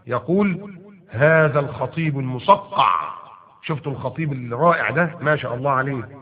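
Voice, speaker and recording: A man with an Egyptian accent, a preacher retelling religious history in lively colloquial speech and chanting classical quotations. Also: fairly high pitch. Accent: Egyptian Arabic. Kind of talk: religious history storytelling lecture. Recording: tinny phone-like lo-fi recording.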